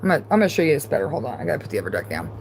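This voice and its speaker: A woman's voice: a bass voice, very animated, very fast, darkish tone, slight background noise. A woman doing a live-streamed tarot reading, talking casually and bluntly to the viewer and often repeating herself. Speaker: tarot reader.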